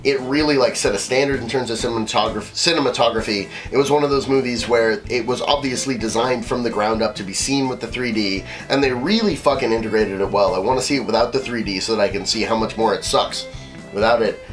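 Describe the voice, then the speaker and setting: A man's voice: mid-range voice, fast, faint music behind. A man giving a casual, rambling film review, swearing freely as he goes. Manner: profane, rambling. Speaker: film review show co-host.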